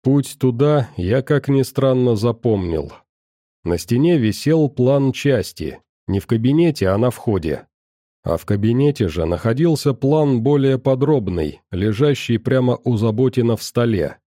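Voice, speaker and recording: Male audiobook narrator, calm first-person storytelling, dark mellow tone, dry close recording. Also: medium pitch, measured pace, no room sound.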